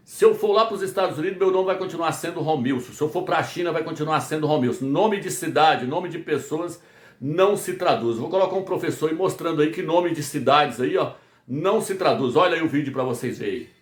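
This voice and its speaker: A man's voice: fairly high pitch, brisk. A man from Brazil teaching a Bible study as a preacher, who asks rhetorical questions and answers them himself again and again. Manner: repetitive call-and-response questioning. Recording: echoey room.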